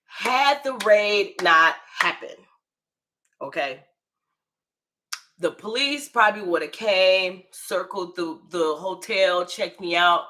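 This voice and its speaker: At a slow pace, with a medium pitch and a sharp tone, an American woman narrates something that happened to her. Her talk is slangy and profane, she dramatizes the quoted dialogue, and she checks in with the listener.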